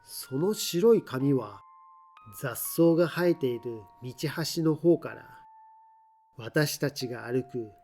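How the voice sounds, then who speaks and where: A man reading a scripted ghost story aloud in a measured, deliberate storytelling manner, with drawn-out phrases. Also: medium pitch, expressive, a little mellow, faint music behind.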